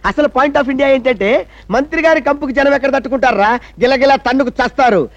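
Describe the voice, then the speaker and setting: Shrill sarcastic comic ranter. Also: male voice, fairly quick. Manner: sarcastic ranting, mixing in English tags. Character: loud sarcastic comic man mocking officials. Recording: dull lo-fi film soundtrack.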